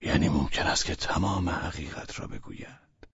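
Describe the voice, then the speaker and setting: A man voicing an irritable, weary gentleman who mutters in a low, clipped way. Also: vocal fry, breathy edge, no echo, full character voice. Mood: muttering. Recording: dull lo-fi recording.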